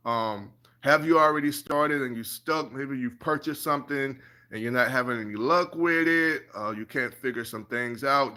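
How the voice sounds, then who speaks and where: A man's voice: medium pitch, sharp tone. A man coaching viewers in a casual live stream, encouraging and repetitive, often checking in with his audience. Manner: encouraging, repeats "all right" and "you guys". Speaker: passive income coach.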